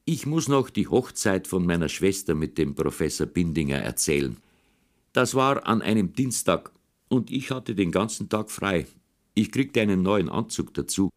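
A man's voice: low-pitched, animated, moderate pace. A man narrating a humorous first-person boyhood story as an audiobook reader. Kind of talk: scripted narration.

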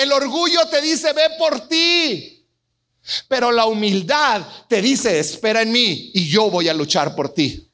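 A middle-aged man preaching a sermon, telling stories and acting out voices with big swings in pitch. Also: fairly bright tone. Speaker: pastor.

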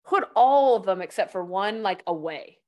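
A woman's voice: medium pitch, lively intonation, moderate pace. A woman guest on a podcast, talking casually with lots of filler words as she shares life tips. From California. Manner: chatty, loose, heavy on "like" fillers. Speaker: guest, life-hacks coach.

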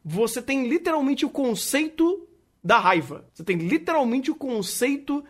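Animated podcast co-host, lively pitch. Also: moderate pace. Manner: animated, rambling, swears freely. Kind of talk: casual chat.

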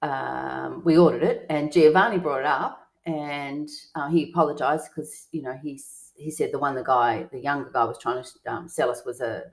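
A low-pitched woman recounting a trip in relaxed podcast chat. She wanders through the story, stopping and restarting with fillers as she goes. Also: moderate pace, vocal fry, hardly any pauses, poor audio. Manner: rambling, lots of fillers and restarts. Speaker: podcast co-host. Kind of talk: casual travel chat.

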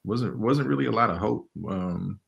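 An animation director in his forties, raised in Los Angeles, California, chats casually as an interview guest, laughing often between loose answers full of fillers. His voice is lowish and creaky, at a moderate pace, with the highs cut off.

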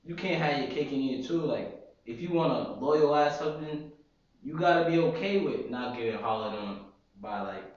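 A man's voice: fairly high pitch, moderate pace. A young man co-hosting a casual podcast chat, laid-back and opinionated, making his points with slang. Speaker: podcast co-host. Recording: echoey, dull lo-fi room.

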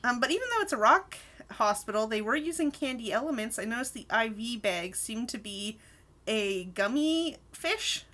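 A woman's voice: a little high, moderate pace. A woman co-hosting a podcast, chatting casually and with enthusiasm as she reviews a cartoon episode and steers the talk. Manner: animated, enthusiastic, leads the conversation. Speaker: podcast co-host.

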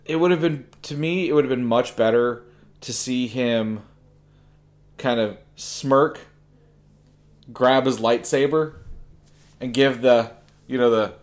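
A man co-hosting a casual film review podcast, talking in a relaxed, agreeable way. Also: mid-range voice, slow, long pauses. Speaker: podcast co-host.

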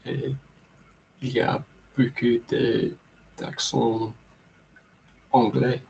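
A man hosts a casual podcast chat and speaks very slowly in a dark, gravelly voice. His French is halting and hesitant, with frequent pauses and small slips. The recording sounds slightly dull, with faint noise behind him. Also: medium pitch, level tone. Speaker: podcast host asking questions.

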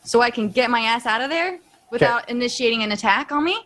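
A woman player in a casual tabletop game, excitable, laughing and swearing as she talks through her turn. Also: a little high, quick pace.

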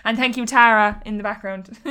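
A woman's voice: fairly high pitch, normal speed, sharp tone. Woman podcast host with a Kerry accent. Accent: Kerry, west of Ireland. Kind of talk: casual interview chat.

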